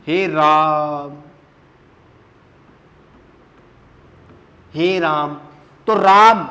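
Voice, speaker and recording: A man's voice: high voice, fairly bright tone. A man teaching a grammar lesson at a whiteboard, asking questions and answering them himself, repeating the key terms.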